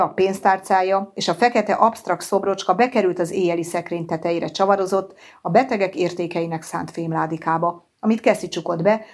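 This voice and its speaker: Brief: woman audiobook narrator, steady measured reading, slightly low voice. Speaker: audiobook reader.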